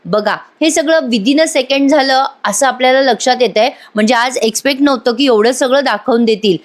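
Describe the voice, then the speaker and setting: A woman narrates a television serial episode as a voice-over review. She talks to her viewers with excited, dramatic emphasis and drops in English words. Her voice sits somewhat high. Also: normal speed. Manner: mixes English words into speech.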